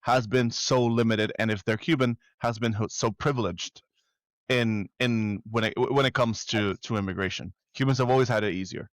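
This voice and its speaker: Blunt, fast-talking man from South Florida. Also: on the low side, fairly even intonation, no echo. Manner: blunt, heated, swears freely, quick bursts. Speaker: podcast guest. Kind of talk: casual political chat.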